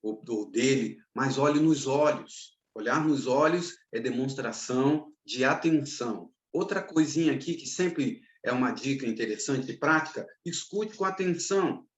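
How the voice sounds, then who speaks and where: A man's voice: medium pitch, a little slow, few pauses, reverberant. A man giving a recorded lecture on pastoral counseling, teaching earnestly and repeating his key advice.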